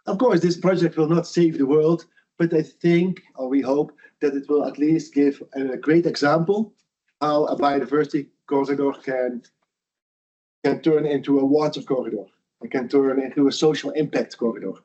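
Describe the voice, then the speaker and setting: A middle-aged Dutch man who founded a foundation gives a lunch lecture, speaking earnestly and conversationally and often restarting his sentences. His voice sits a little high with a dark tone, holding steady at a normal speed. The recording has a dull, lo-fi quality.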